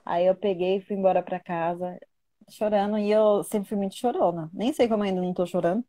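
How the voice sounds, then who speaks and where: A woman's voice: medium pitch, steady tone, a little fast, warm tone, dry recording. A woman, a guest telling her own cancer story in a casual, emotional way and often repeating words.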